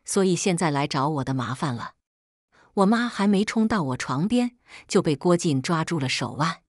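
Brief: woman storyteller, lowish husky voice, lively melodic delivery, dry close sound. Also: normal speed, no room sound. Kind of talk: first-person drama story narration.

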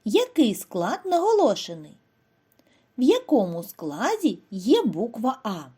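Ukrainian woman as a primary teacher, slow and sing-song, soft mellow tone, lively pitch. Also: slightly rough. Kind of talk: scripted lesson narration for young children.

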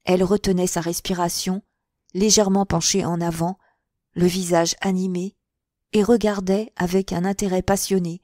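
With a fairly low voice and no echo, a woman narrates a classic novel as an audiobook. The close-miked reading is clear, measured and expressive.

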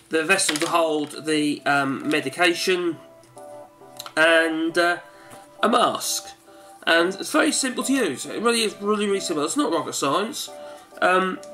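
A wheezy man in his forties, a home video maker, rambles through a casual how-to demo in his cluttered home study. His voice is high-pitched, pushed and bright, and his manner is chatty and self-correcting.

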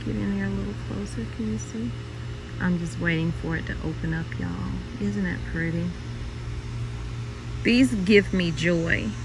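Woman, slow unhurried talk, chatty, exclamatory, outdoor garden, phone camera, music in background. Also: lowish voice, rough recording. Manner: chatty, addresses viewers as y'all, exclamatory. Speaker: home gardener vlogger. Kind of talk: casual garden walk-through.

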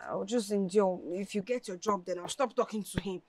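A woman's voice: mid-range voice, a little mellow, a little hiss or hum, close to an everyday voice. An actress with a Nigerian English accent playing an angry, proud young woman who turns down a suitor in a film drama. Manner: indignant, rapid questioning.

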